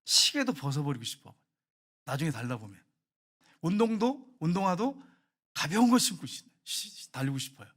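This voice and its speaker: Male pastor, higher voice, emphatic exhorting sermon delivery. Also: big pitch swings, moderate pace, long pauses, fairly bright tone. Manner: emphatic, exhorting, rising to stress points.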